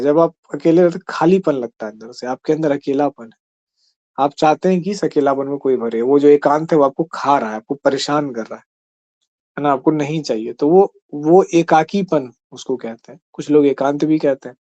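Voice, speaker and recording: A man's voice: on the high side, moderate pace, dark tone, dull audio. A man teaching an exam-prep class in a conversational way, often checking in with his listeners. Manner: conversational, keeps asking "ठीक है?".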